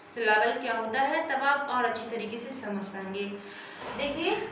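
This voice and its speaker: A woman's voice: on the high side, moderate pace, noisy background. A woman English teacher giving a classroom-style phonetics lesson, drilling sounds by asking questions and answering them herself. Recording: very echoey room, voice heard from a distance.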